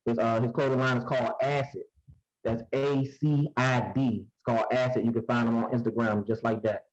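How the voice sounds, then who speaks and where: A man's voice: mid-range voice, steady tone, normal speed. A man who is a comedian and coach, chatting in a laid-back, joking way over a muffled, underwater-sounding phone mic. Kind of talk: casual podcast chat over a call. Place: newly moved-into room at home.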